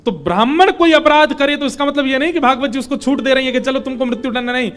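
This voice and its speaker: A man's voice: extremely high pitch, fast, a bit bright, faint music behind. A man retelling a scripture story as a devotional preacher, explaining it emphatically and chanting verses.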